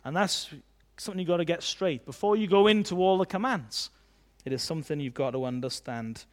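A preacher delivering a sermon in a high, light voice. He talks in a friendly, chatty way and keeps checking in with tag questions. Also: fairly quick.

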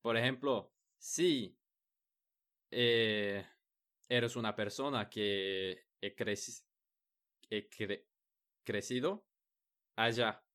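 A man talking very slowly in a relaxed chat, pausing to hunt for words and restarting them. His voice is smooth and clear throughout. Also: fairly low pitch. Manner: hesitant, frequent restarts and searching for words. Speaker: conversation partner. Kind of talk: casual chat in a learned language.

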